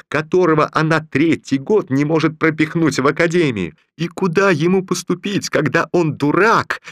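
A man voicing a spiteful, jilted officer's wife who scolds in a shrill, snappy way. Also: a bit bright, no echo, clean studio sound.

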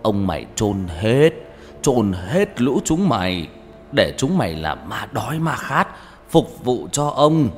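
A man's voice: lowish voice, very animated, slow. A man voicing a brutal, menacing old man who snarls coarse threats, in an audiobook with reverb and background music. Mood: snarling threat.

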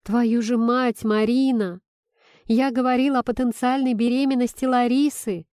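A woman's voice: lowish voice, normal speed, mellow, no room sound, studio quality, lightly acted. A woman voicing a stubborn, hot-tempered young man. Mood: furious.

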